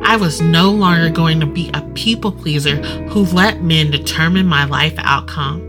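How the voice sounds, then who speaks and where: A woman's voice: deep voice, normal speed. Woman narrating an erotic story over guitar. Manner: intimate first-person storytelling. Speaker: storyteller host. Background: guitar music.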